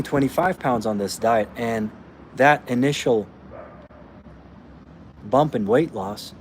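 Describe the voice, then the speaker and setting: A man's voice: mid-range voice, a little hiss or hum. A man from Austria, a fitness coach answering viewer comments in a blunt, emphatic way, calling listeners bro.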